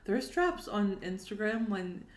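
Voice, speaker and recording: A woman's voice: medium pitch, sing-song, measured pace. A young woman in her twenties co-hosting a casual podcast, mostly adding short reactions and joking asides. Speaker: podcast co-host. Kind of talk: casual chat.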